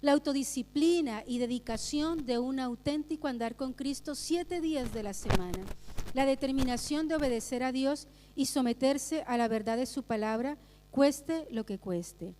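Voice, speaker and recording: A woman's voice: sits high, a little mellow, long reverb tail. A woman pastor preaching a sermon in a church, telling personal stories and repeating phrases for emphasis. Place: church sanctuary.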